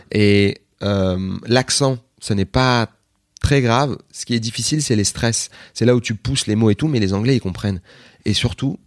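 A man's voice: fairly low pitch, dry recording, clean studio sound. Chatty French-speaking man telling a story. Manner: chatty, digressive, animated retelling with quoted voices. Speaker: guest comedian. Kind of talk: casual interview storytelling.

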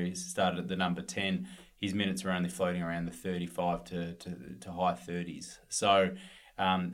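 A male podcast co-host in casual sports chat, rambling through team news with plenty of fillers. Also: low-pitched.

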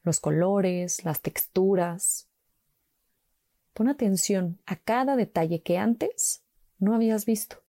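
A woman slowly guiding a mindfulness walk with calm, gentle instructions and long pauses. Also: mid-range voice, no room sound, clean studio sound. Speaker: meditation guide.

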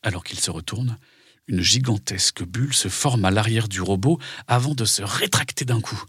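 A man with a lowish, very breathy and husky voice narrates a children's story. The delivery is scripted and dramatic, recorded close and dry. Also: moderate pace, a bit bright, no echo.

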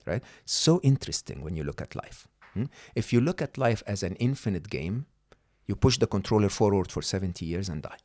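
With a lowish, slightly mellow voice that is animated and a little fast, a middle-aged man whose first language isn't English speaks as a podcast guest. He coaches conversationally and emphatically, checking in with "okay?" and "hmm?", in a studio-quality recording without echo.

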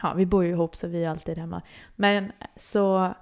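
A woman's voice: fairly low pitch, fairly even intonation, darkish tone. A young woman co-hosting a casual chat podcast, telling stories with animation and acting out her own reactions. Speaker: podcast co-host.

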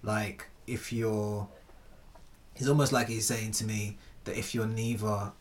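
A man's voice: lowish voice, little pitch movement, a little slow. A man in a casual philosophical chat, thinking aloud with hesitant restarts.

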